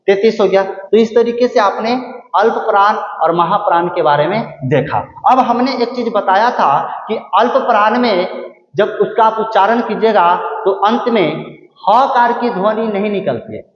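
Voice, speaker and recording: Male teacher, high voice, quizzes the class then answers himself; roomy, long-reverb, dull lo-fi recording. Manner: asks the class questions and answers them himself, repeats key words. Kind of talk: grammar lesson. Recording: echoey room, muffled lo-fi sound.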